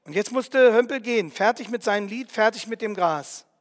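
A man narrating a first-person story in an earnest, vivid way, with quiet emotion. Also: sits high, animated, normal speed, big-room sound.

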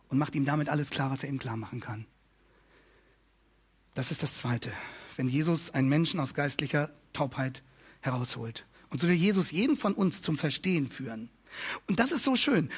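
A man's voice: high-pitched, a bit bright, husky. A man preaching a sermon, emphatic and building his points through repeated phrases.

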